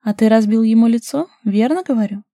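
A woman's voice: a little high, brisk, warm tone, no room sound, clean studio sound, voice pushed up. A woman voicing a bold, teasing young woman who presses her lover with questions, in a storybook reading.

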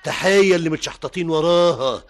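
An actor with an Egyptian accent playing a menacing middle-aged gang boss who barks orders and mocks with threats, in a 1950s-style radio drama. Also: male voice, on the high side, fast talker, natural voice. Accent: Egyptian Arabic. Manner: barking orders, teasing threats.

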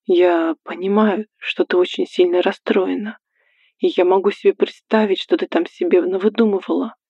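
A woman's voice: on the low side, steady tone, moderate pace, husky, no echo, lo-fi sound. A woman reading the part of a selfish, controlling young man who commands and threatens his girlfriend. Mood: coaxing. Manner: commanding and menacing, turns coaxing.

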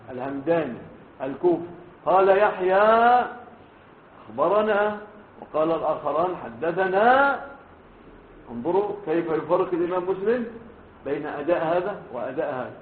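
Egyptian male sheikh, classroom hadith lecture, fairly high voice, keeps quizzing the room, echoey phone-quality recording. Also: slight background noise. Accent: Egyptian Arabic. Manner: checks on students with frequent questions; spells out letters slowly and deliberately. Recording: echoey room over a tinny phone-like line.

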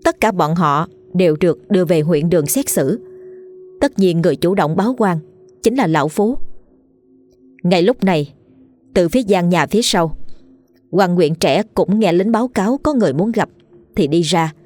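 A woman reading a ghost story aloud in a steady storytelling voice. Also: lowish voice, moderate pace, long pauses, no room sound. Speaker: narrator. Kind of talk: scripted ghost story narration. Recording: faint background music.

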